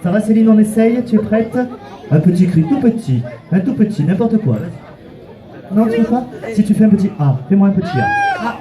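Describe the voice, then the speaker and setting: A man's voice: high-pitched, a little fast. A man running a comic street show, teasing his volunteers playfully, counting them in and coaxing the crowd to applaud. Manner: teasing, playful, calls volunteers "mon cœur". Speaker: street performer leading audience volunteers. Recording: open-air recording with a noisy crowd around.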